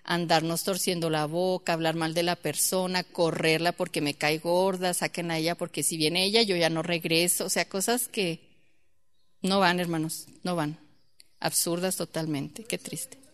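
A woman's voice: lowish voice, fairly even intonation, normal speed. A woman with a Mexican accent preaches a sermon in a conversational way, often asking her listeners questions. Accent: Mexican Spanish. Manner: conversational, addresses listeners as brethren with frequent questions. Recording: echoey hall with long reverb.

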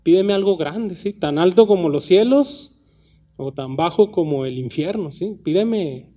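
A preacher voicing God, emphatic and commanding. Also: male voice, sits high, animated, unhurried. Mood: challenging. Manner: emphatic, raised and insistent. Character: God, male, commanding and challenging. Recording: dull lo-fi sound.

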